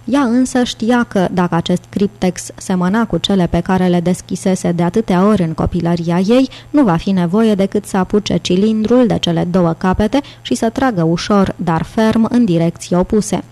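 Woman narrating a novel, calm measured read, dark mellow voice. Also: medium pitch. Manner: steady, measured reading. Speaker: audiobook narrator. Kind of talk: scripted narration.

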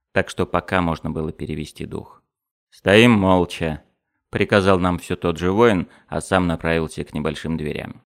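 A man with a deep, low voice narrates an audiobook in the first person. His reading is steady and measured, with an even storytelling pace.

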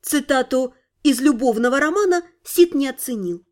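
A woman reading an audiobook, telling the story with lively irony. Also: high voice, normal speed. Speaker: audiobook narrator. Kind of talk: scripted narration.

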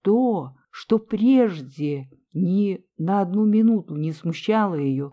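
A woman reading a classic novel aloud in a measured, even storytelling manner. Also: mid-range voice. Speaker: audiobook reader. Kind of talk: audiobook narration of a classic novel. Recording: dull lo-fi recording.

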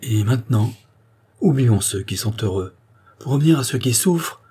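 A man narrating a classic novel as an audiobook, measured and even. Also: medium pitch, slightly rough.

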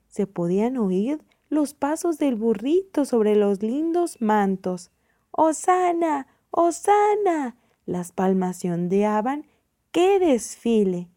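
A woman reading a Bible story aloud for children, slow and expressive in a storybook manner. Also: medium pitch, no room sound, studio quality.

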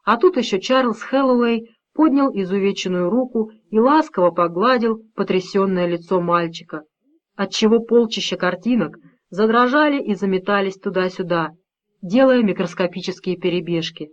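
A woman reading an audiobook in a measured, expressive storytelling manner. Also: mid-range voice, muffled recording. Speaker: audiobook narrator. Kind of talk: scripted narration.

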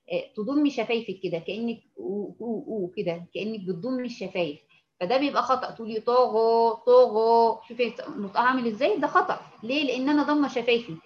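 A woman with an Egyptian Arabic accent teaching a Quran recitation lesson, patiently explaining and slowly demonstrating sounds. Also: mid-range voice, a bit bright, dull audio. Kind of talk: tajweed lesson.

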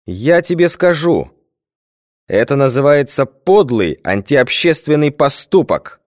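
A man's voice: medium pitch, very animated, a little slow, no room sound, clean studio sound, voice pushed up. A man voicing a pompous male district official who lectures with mocking sympathy. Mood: solemn.

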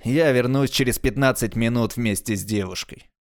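A man's voice: medium pitch, normal speed, no room sound, clean studio sound, close to an everyday voice. A male narrator voicing a brash, reckless young space explorer, talking boldly and defiantly. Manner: bold, defiant.

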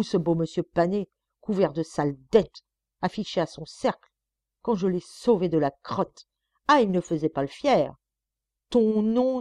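A woman voicing a rich, scornful wife who screams hoarse insults at her husband in a dry, close recording. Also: on the low side, a little mellow, no room sound, lightly acted. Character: shrill furious rich wife, scornful, explosive.

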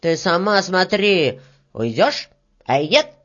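A woman's voice: fairly low pitch, expressive, slow pace, fairly bright tone, heavily acted. A woman voicing a small, stubborn red-haired peasant man who talks bluntly and defiantly. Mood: threatening. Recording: dull lo-fi recording.

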